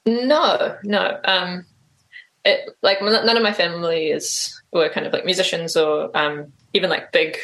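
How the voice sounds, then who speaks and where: A woman's voice: on the low side, steady tone, measured pace, a bit bright. Hesitant New woman guest. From New Zealand. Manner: hesitant, full of "like" and "um" fillers. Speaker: interview guest. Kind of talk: casual interview answers.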